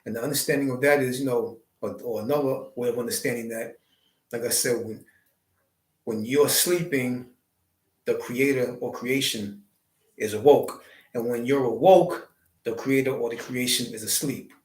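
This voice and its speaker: A man's voice: mid-range voice, steady tone, moderate pace, darkish tone. A man hosting a live stream, giving a preachy spiritual monologue full of wordplay and rhetorical questions. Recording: roomy echo.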